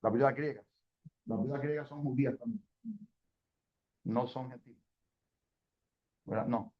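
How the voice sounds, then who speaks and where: A man's voice: mid-range voice, fairly even intonation, a little slow, dull audio. A man from El Salvador teaching a Sunday school class at church, speaking conversationally and often checking in with his listeners. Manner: mixes in English words.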